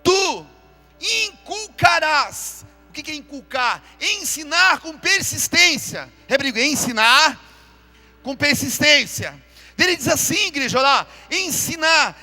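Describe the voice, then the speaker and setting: A man's voice: very high-pitched, expressive, moderate pace, sharp tone, soft background music. A man preaching a fervent sermon in church, calling out to the congregation and asking them to repeat after him. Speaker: pastor. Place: church during a live service.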